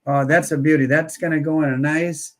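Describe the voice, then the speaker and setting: A man's voice: a little high, steady tone, brisk, noisy background. A man hosting a live coin auction, chatting and joking while he counts down bids. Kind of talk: casual live-stream auction chat.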